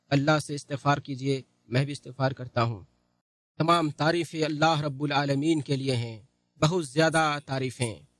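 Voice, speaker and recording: A man reading a translated Friday sermon in a solemn, measured recitation. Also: a little high, no room sound.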